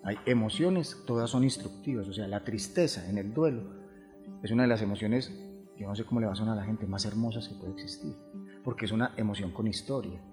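A man, a grief therapist talking through ideas calmly, answering his own rhetorical questions. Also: lowish voice, brisk. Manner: calm, explanatory, rhetorical questions. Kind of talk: reflective podcast conversation. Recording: long hall reverb, faint music behind.

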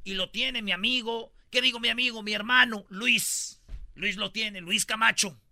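A man's voice: high-pitched, fairly even intonation, normal speed, sharp tone, no echo. A man hosting a radio show in joking chat, telling stories animatedly and acting out the voices of the people in them. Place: radio studio.

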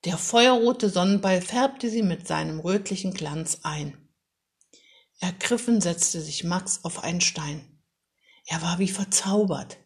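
A woman reading a children's story aloud in a calm, measured and expressive way. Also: fairly low pitch. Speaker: narrator.

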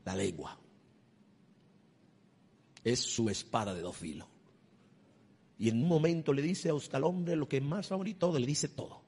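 A middle-aged male preacher giving an impassioned sermon, swinging between loud exhortation and hushed, intimate asides. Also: mid-range voice, animated, normal speed, pauses often, slightly rough.

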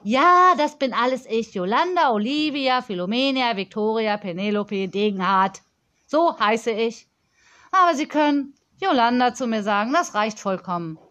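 A woman's voice: on the high side, expressive, normal speed, a bit bright, highs cut off. A woman voicing a spoiled, bossy ten-year-old girl who talks in a prim, demanding way.

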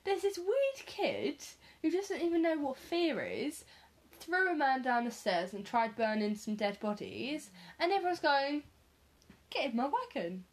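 A woman's voice: sits high, sing-song, unhurried. A young woman chatting casually, adding wry comments and laughter. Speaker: podcast co-host. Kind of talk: casual chat.

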